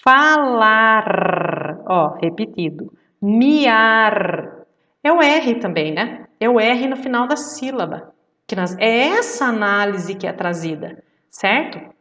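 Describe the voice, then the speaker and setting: A woman's voice: mid-range voice, very animated, unhurried, fairly bright tone, far from the mic. A woman teacher giving a remote lesson to children, patient and explanatory, checking often that the class follows. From Brazil.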